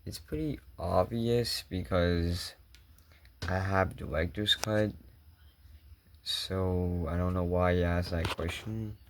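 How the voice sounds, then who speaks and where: A man giving casual commentary as he reads messages aloud in deadpan, puzzled disbelief. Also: sits low, slow pace. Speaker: gamer reacting to messages. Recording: faint background noise with clicks.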